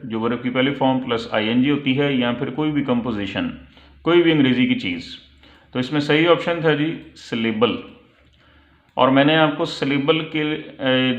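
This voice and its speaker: A man gives an online English lesson, patiently explaining multiple-choice questions, reading English phrases slowly and then translating them. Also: medium pitch. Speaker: English teacher. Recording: echoey, tinny phone-like audio.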